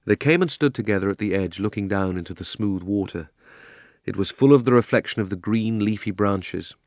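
A man narrating a children's story in a gentle, unhurried way. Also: on the low side, dry recording, studio quality. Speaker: audiobook narrator. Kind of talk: storybook reading.

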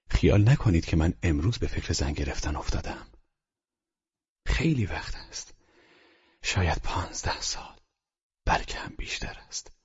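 A gentle, earnest aging doctor murmurs his confession in a hushed, near-whispered voice, as a male narrator puts him on. The voice sits very deep and husky, with a dry, dull lo-fi sound like an old audiobook. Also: dry recording. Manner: speaks softly, often in a hushed whisper.

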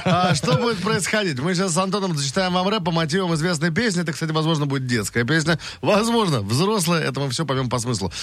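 A man's voice: fairly high pitch, animated, fast talker, few pauses, fairly bright tone, no echo. A man co-hosting a morning radio show, trading casual comic banter with wry, teasing asides. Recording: music bed behind the voice. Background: music.

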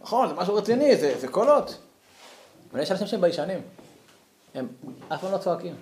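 Animated man teaching in an echoey room. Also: slight background noise. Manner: animated, acts out angry letters, jumps high in pitch. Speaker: Torah teacher. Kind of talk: lively classroom lecture.

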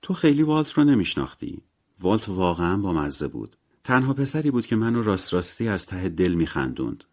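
A man voicing a lively, wry young mother who talks in an animated, emphatic way in a story reading. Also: low-pitched. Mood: fond.

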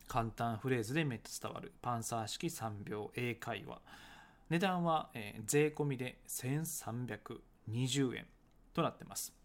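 A man who teaches English conversation talks casually about his book, hedging often and pausing with many fillers. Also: mid-range voice. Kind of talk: casual solo talk promoting his book.

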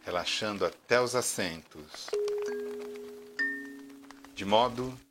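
A man with a fairly low voice leads a guided relaxation meditation. He gives slow, soothing instructions with long pauses between them. Music plays clearly behind his voice. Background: background music.

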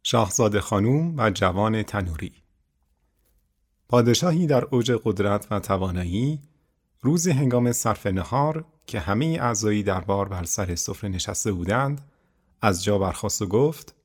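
A man reading a folk tale aloud for a podcast in a calm, measured way. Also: fairly low pitch, husky. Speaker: podcast storyteller. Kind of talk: scripted storybook narration.

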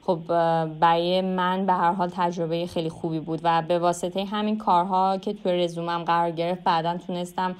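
A young adult woman from Iran with an Iranian Persian accent, giving conversational interview answers in a hesitant, reflective way with drawn-out pauses. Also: fairly low pitch, level tone, a little mellow, clean tone. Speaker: interview guest, animation artist.

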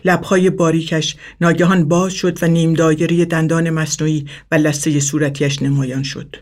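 Man calmly narrating a story. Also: fairly high pitch.

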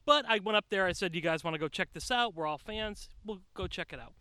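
Sitting outdoors in a shaded backyard as a podcast guest, this American wrestler and manager spins informal stories, cracking jokes and repeating words to drive points home. He talks fast in a high, bright, forceful yet smooth voice with no echo.

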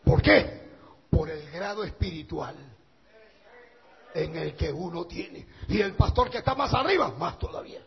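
A male pastor preaching a sermon with passion, swinging from quiet talk to shouting. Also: sits high, measured pace, creaky, husky. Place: church hall. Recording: dull lo-fi church recording with long reverb.

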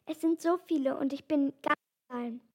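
A woman reading aloud and voicing a kind, gentle male animal doctor who asks for help. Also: high-pitched, normal speed, lightly acted. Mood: pleading.

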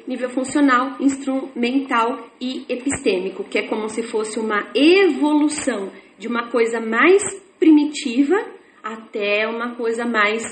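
Chatty woman teacher, echoey room. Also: on the high side. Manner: chatty, repetitive explanations with everyday examples. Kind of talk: informal online lecture. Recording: echoey room with faint noise.

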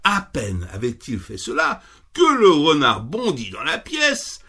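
Man, children's story reading, slow and lively, slightly raised pitch. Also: breathy edge. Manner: expressive, unhurried storytelling.

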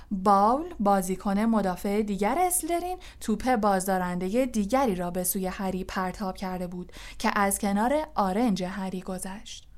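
Woman narrating a storybook. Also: medium pitch. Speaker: audiobook narrator. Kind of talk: scripted narration.

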